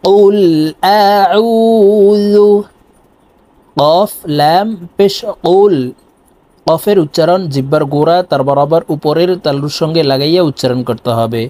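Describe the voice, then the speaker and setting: A man with a fairly high voice teaches recitation in a video lesson. He talks directly to his viewers and takes each word apart patiently, sound by sound. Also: normal speed, a little mellow. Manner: patient and repetitive, breaking words down sound by sound.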